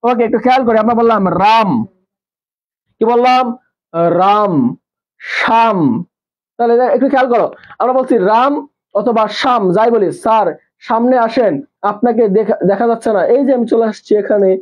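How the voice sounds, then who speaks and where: High-voiced man teaching a live class. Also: fairly even intonation, normal speed, pauses often, rough recording. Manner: repeats key terms, quizzes students and answers himself. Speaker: nursing admission teacher.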